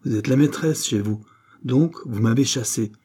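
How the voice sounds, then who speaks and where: A man's voice: medium pitch, moderate pace, dark tone, husky, close to an everyday voice. A man voicing an awkward young man speaking with hurt, stiff reproach. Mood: reproachful.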